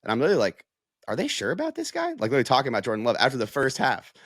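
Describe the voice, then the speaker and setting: With a medium-pitched, slightly bright voice that swings hugely in pitch, an American podcast guest and sports reporter races through a casual analysis chat. He leans on "like" and "you know," and the studio sound is clean and echo-free.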